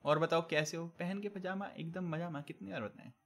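A young male game streamer with a slightly high-pitched voice, reading the chat out loud. He ribs viewers with casual, joking banter and drops English catchphrases between his sentences. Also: fairly even intonation, fairly quick. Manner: teasing banter while reading chat aloud; mixes English catchphrases into Hindi.

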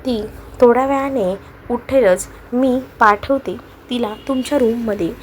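A woman voicing a soft-spoken, kind mother. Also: fairly high pitch, measured pace, slight background noise, close to an everyday voice. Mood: gentle.

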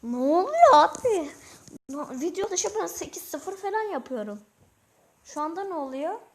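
A teenage girl hosting her own channel, giving casual commentary over a football video game, shouting excitedly at goals and misses. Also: very high voice, normal speed. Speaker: gaming channel host.

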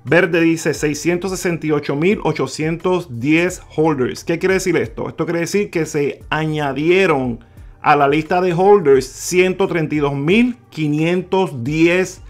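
A man hosting a crypto video, talking viewers through numbers on screen, calling them "mi gente" and repeating figures slowly. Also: on the high side. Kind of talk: screen-share explainer talk. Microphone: voice-over on screen recording.

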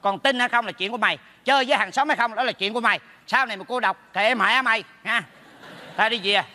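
An actor playing a blunt, meddling neighbor friend in a stage comedy sketch, teasing and scolding fast. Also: male voice, high voice, bright, forceful tone, big-room sound. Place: theater stage.

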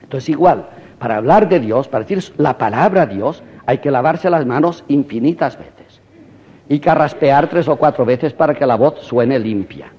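A man's voice: mid-range voice, expressive, normal speed, darkish tone, breathy edge. Dramatic male priest lecturing, dull recording. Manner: emphatic, dramatic, acts out quoted prayers; rhetorical asides to listeners. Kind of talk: spoken theology lecture.

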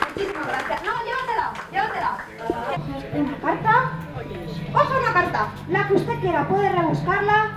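Young woman magician, very high voice, playful and coaxing, echoey hall with music behind. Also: animated, normal speed. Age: young adult. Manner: playful, repeats words, coaxes the crowd. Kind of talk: lively stage patter with an audience. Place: care home common room, indoors.

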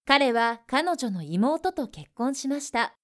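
A woman reading translations of lesson sentences in a brisk, neat manner. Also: on the high side, big pitch swings. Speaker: translation reader.

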